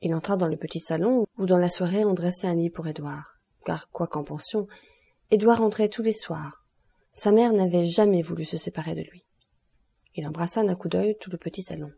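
Narrating an audiobook of a classic novel, this woman has a lowish, slightly rough voice with vocal fry. Her reading is measured yet expressive.

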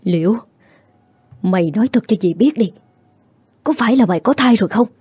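A man voicing an older village aunt in a folk horror story, scolding in a shrill, agitated raised voice. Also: a little fast, dark tone, husky. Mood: frantic scolding.

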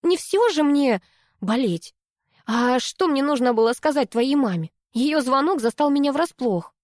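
A woman reading a story and voicing an exasperated young woman scolding her best friend in a sharp, indignant way. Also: high voice, animated, measured pace, dry recording, studio quality, pitched above the performer's own voice.

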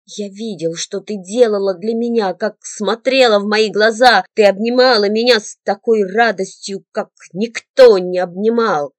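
A woman's voice: medium pitch, fairly even intonation, normal speed, dry recording, close to an everyday voice. A woman voicing a young man who talks hesitantly, then earnestly. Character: young man, frightened but devoted. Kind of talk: audiobook character voice.

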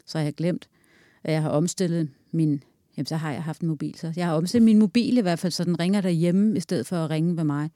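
A woman in her forties speaks frankly and earthily in an interview, walking through a hard memory in vivid detail. Her voice is mellow and soft-toned. The recording is dry and close, with no room sound. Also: sits low, fairly even intonation, no room sound. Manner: candid, earthy, recounting loss in vivid detail. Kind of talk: personal storytelling interview.

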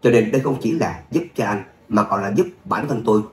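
Smug rich young guy, calm and cocky, read by a guy narrating, low-ish voice, echoey room. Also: lightly acted. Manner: smug and unhurried. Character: arrogant, calm young male heir. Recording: roomy echo, faint hum.

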